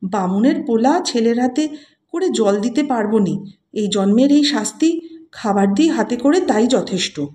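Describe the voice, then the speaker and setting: A woman voicing an affectionate young woman who speaks in a tender, coaxing way, sometimes sharp. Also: a little high, expressive, normal speed, lightly acted. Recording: roomy echo.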